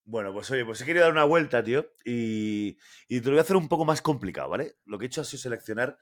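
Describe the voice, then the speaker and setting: A man's voice: medium pitch, expressive, fast. A man with a Spanish accent from Spain, co-hosting a casual podcast and running a playful quiz, reading ad copy aloud.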